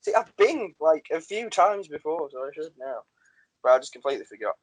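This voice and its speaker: A man's voice: on the high side, very animated, brisk, dry recording, poor audio. A man hosting a casual football podcast, chatty and self-deprecating, laughing often. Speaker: podcast host.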